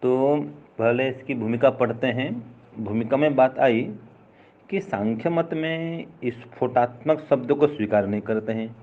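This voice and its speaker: A man's voice: mid-range voice, a little slow, phone-quality sound. Man patiently explaining an old text. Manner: patient, repetitive explaining with examples. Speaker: philosophy teacher.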